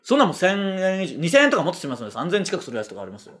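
A man hosting a casual comedy radio show, firing off quick, animated retorts and laughing rants. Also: fairly high pitch.

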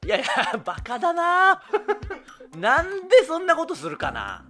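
A man from Okayama hosting a comedy radio show, firing off quick teasing retorts in casual banter. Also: very high-pitched, huge pitch swings, over music. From Tsuyama, Okayama, Japan.

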